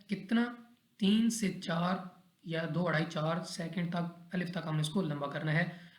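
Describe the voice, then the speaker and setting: A man teaching Quran recitation rules step by step in a methodical, repetitive way, often checking in with his listeners. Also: high-pitched. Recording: echoey roomy recording.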